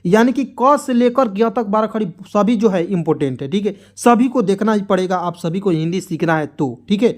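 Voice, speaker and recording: A man's voice: high-pitched, lively intonation. A man teaching the Hindi alphabet syllable by syllable, drawing each sound out and asking and answering his own questions. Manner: drawn-out recitation, often asks and answers his own questions; keeps checking in with the listener as he teaches. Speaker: Hindi teacher and channel host.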